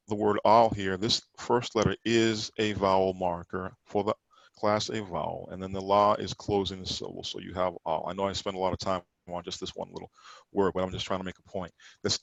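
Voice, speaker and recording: Male teacher for a study-class lesson: low, gravelly voice, dry close sound, emphatic and repetitive when explaining. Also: dry recording, muffled recording. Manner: explanatory, emphatic, repeats words while correcting others' pronunciation.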